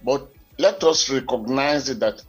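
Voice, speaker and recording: A man's voice: mid-range voice, measured pace, husky, soft background music. A Nigerian man co-hosting a radio current affairs show, heard over a telephone line, talking in a formal, wordy and digressive way. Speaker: radio talk show co-host.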